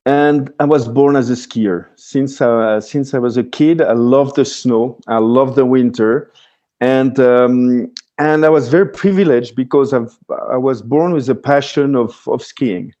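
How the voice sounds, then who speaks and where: A man's voice: medium pitch, a little slow, warm tone, highs cut off. A man from Switzerland whose first language is French, a freeride skier speaking as a guest in a casual interview, with frequent restarts and fillers. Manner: hesitant, many restarts and fillers.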